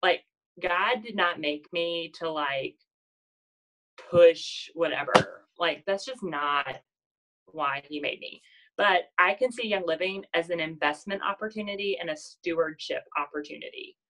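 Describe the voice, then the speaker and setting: Speaking a little slowly in a lowish, nasal, slightly bright voice, a woman in her thirties motivates her sales team in a casual way. As a network marketing team leader, she frequently asks "does that make sense?" The recording is rough.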